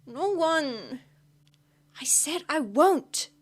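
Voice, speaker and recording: A woman's voice: on the high side, lively intonation, extremely slow, a little mellow. A woman voicing a groggy, tearful young female student who whines and pleads in short mumbled words. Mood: whining. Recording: music playing behind the voice.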